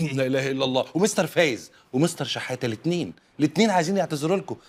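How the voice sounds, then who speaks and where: A man's voice: fairly high pitch, animated, rapid-fire. An actor with an Egyptian accent playing a man posing as an education doctor who coaxes and placates his arguing colleagues in a comedy TV series. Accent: Egyptian Arabic. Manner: coaxing, placating, mocking asides. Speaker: mediator in a staff dispute.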